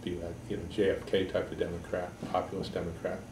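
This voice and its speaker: A man in his sixties from Connecticut, a political candidate giving halting, measured answers in an editorial board interview. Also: deep voice, monotone. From Connecticut, USA. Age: 60s. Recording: echoey room, mic far off, background noise.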